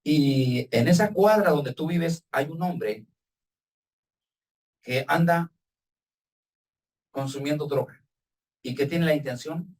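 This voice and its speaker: A man preaching a sermon to his congregation as their pastor, with emphatic swings in pitch and loudness, calling them brothers. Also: slow, pauses often, far from the mic. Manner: addresses the congregation directly as brothers. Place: church hall with congregation and Zoom viewers.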